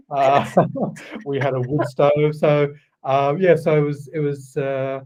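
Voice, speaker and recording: Australian man around sixty, mellow voice. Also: fairly high pitch, slow pace, rough recording. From Queensland, Australia. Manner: relaxed storyteller, many ums and restarts. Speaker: guest. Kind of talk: casual interview chat.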